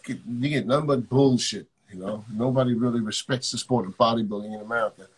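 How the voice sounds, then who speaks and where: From a hotel room, a man who coaches and hosts live streams talks fast in a slightly rough, mid-range voice. The casual chat with callers is full of blunt jokes and repeated words, and the audio quality is poor.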